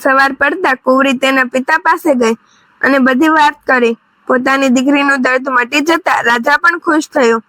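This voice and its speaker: A woman narrating a moral folk tale in a steady, measured storytelling manner. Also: high voice, dry recording, poor audio.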